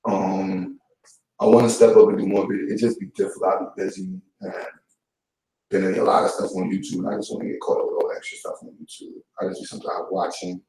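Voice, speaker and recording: Speaking fast in a low, level, gravelly voice with a warm tone, a YouTube commentator rants bluntly and casually on his vlog, using plenty of street slang and repeating himself. The room is echoey and his voice is distant from the mic.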